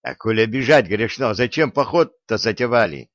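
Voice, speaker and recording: A man voicing a skeptical, quick-witted wandering hero in an audiobook, pressing with questions. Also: mid-range voice, animated, dry recording, muffled recording, natural voice. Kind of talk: audiobook character reading.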